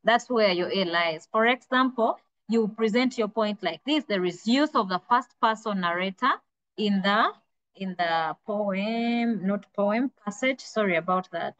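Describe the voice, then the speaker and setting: A woman teaching a literature revision lesson, earnest and steady, often repeating a word while she thinks and drawing key words out slowly. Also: mid-range voice. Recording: dull lo-fi recording.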